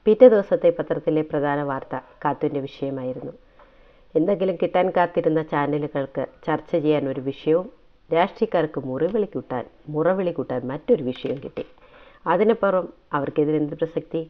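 A man's voice: fairly high pitch, a little fast. A man narrating an emotional serialized story in an emotive, reflective way. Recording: tinny phone-like audio.

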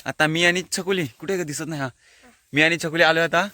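A man's voice: a little high, steady tone, brisk, pushed and bright, a little hiss or hum. Chatty man vlogging from a hilltop. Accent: Konkani-inflected Marathi. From Konkan, India. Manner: chatty, explains local words to viewers. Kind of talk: casual vlog, walking commentary. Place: outdoors on a hilltop by a water tank.

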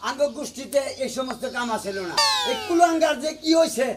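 A man's voice: very high-pitched, lively intonation, fairly quick, over loud music. A man with a rural Bangladeshi accent in a comic village skit, scolding and calling out to his uncle. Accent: rural Bangladeshi Bengali. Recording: loud crowd noise behind.

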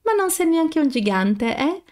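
A bold young woman with a taunting, mischievous edge, put on by a woman reading aloud. Her voice sits high and her teasing runs through every line of this audiobook scene. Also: sing-song, measured pace, darkish tone.

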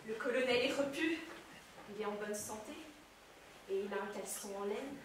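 A woman's voice: a little high, moderate pace, close to an everyday voice. A woman playing a despairing young male soldier back from the war, bitter and accusing on a stage. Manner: bitter, accusing, bursts into shouts. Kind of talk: stage play performance. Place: theatre stage. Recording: echoey hall, mic far off, faint noise.

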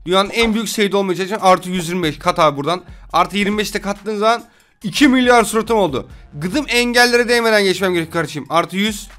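A young man commentating a mobile game he plays on his computer, loud and excitable, often shouting and laughing at it. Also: high-pitched, fast talker, faint music behind. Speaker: gaming YouTuber.

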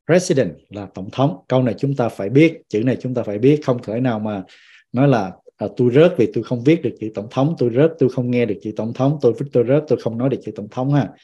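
Male teacher, native Vietnamese, mellow tone, drills each word and explains it. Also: medium pitch, breathy edge, highs cut off. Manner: repeats each English word slowly, then explains it. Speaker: pastor teaching citizenship class. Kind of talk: vocabulary lesson, teacher repeating words.

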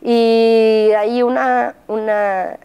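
A middle-aged woman with a Mexican accent telling her story as an interview guest, pausing often with fillers and acting out quotes. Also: on the high side, level tone, mellow, clear, resonant tone. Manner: halting, frequent fillers, acts out quotes. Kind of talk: candid interview testimony.

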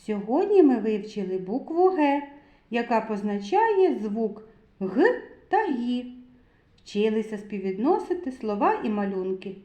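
A woman teaching young children to read, sounding out syllables and words slowly and carefully. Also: a little high, very animated, warm tone. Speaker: kindergarten teacher. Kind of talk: slow literacy lesson for young children. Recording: echoey room, dull lo-fi sound.

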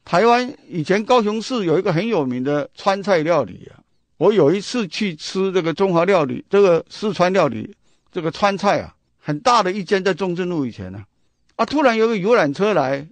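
A man's voice: high voice, no room sound. A man with a Taiwanese Mandarin accent, hosting a radio book talk, chatty and full of rhetorical questions and storytelling. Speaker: radio host.

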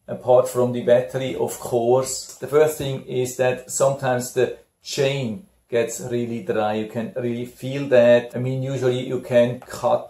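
A middle-aged man talks through a tool review at a desk, showing each feature as he goes. His voice sits at an ordinary middle pitch. The small room bounces his voice back noticeably. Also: dark tone, roomy sound. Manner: explanatory, demonstrating a tool while talking. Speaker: product reviewer. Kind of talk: casual product review to camera.

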